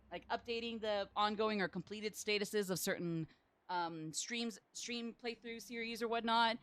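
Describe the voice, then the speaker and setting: A woman's voice: medium pitch, fairly bright tone. A young woman game streamer chatting casually, rambling with lots of fillers and apologies. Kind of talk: casual livestream chat.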